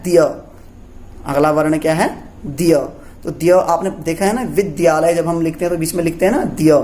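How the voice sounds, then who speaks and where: A man's voice: a little high, darkish tone, a little hiss or hum. A man teaching a Sanskrit lesson for young pupils. He asks questions and answers them himself, checking in often as he goes. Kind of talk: classroom lesson explaining letters.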